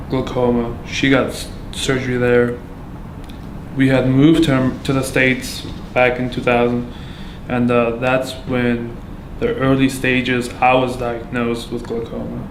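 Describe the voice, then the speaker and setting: A man from Afghanistan giving a candid account as a patient, halting and full of fillers and restarts. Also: medium pitch. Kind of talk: candid personal testimony. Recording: echoey room with background noise.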